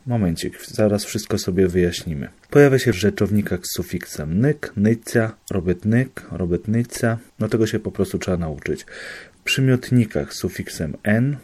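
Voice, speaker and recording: Man, low mellow voice, patient study explainer walking through examples. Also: animated, moderate pace.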